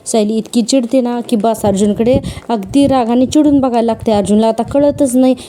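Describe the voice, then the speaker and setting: A woman's voice: a little high, a little fast, warm tone. A woman chattily retelling a television serial episode, talking straight to her viewers and leaning on fillers. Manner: chatty, leans on fillers, addresses viewers directly. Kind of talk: conversational episode recap narration.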